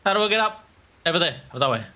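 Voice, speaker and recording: A man's voice: high-pitched, big pitch swings, racing, sharp tone. A man giving let's play commentary, talking to himself as he plays, with frequent exclamations and laughter. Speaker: gaming channel host.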